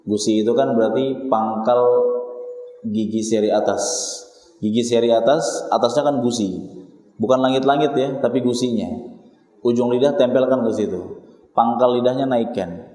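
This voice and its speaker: An Indonesian man teaching Quran recitation, drilling syllables slowly and repeating each sound for his students. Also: mid-range voice, fairly even intonation, warm tone. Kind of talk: tajwid lesson with slow demonstrated recitation. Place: small prayer room. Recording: echoey, long reverb hall sound.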